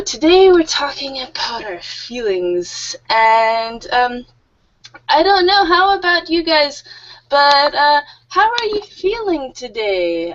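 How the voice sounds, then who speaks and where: A woman in her thirties teaching an online English group class, friendly and a little nervous, laughing often. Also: high voice. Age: 30s. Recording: muffled lo-fi audio.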